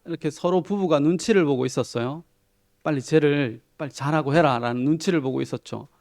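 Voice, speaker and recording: A middle-aged man preaching a sermon in a chatty, self-deprecating storytelling way, with soft chuckles and quiet asides. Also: on the high side, fairly quick. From Korea. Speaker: pastor.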